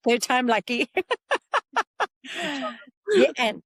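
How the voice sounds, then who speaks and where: A woman's voice: on the high side, expressive, very slow, dry recording, clean studio sound. A woman hosting a podcast, chatting casually with a guest, laughing often and using lots of fillers. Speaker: podcast host. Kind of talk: casual interview chat.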